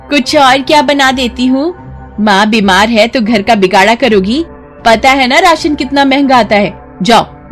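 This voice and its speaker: A woman voicing a spoiled, spiteful young sister-in-law in an animated horror story, with a shrill, sneering delivery. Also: lightly acted.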